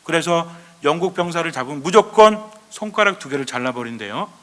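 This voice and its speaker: Priest guy telling stories in a sermon, bright fairly high voice, big echoey hall. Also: a little fast. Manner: lively storytelling with rhetorical questions. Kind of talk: Advent lecture sermon.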